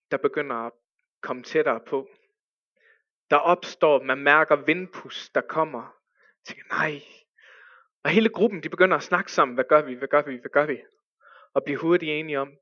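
A man telling a story as a sermon, with hushed dramatic pauses that rise to urgent cries. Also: a little high, dry recording, highs cut off.

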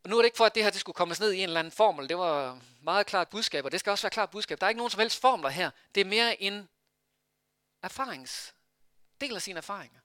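A man preaching a sermon in a conversational way, asking his listeners rhetorical questions and pausing often on fillers. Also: high voice, animated, sharp tone, clean tone, no room sound.

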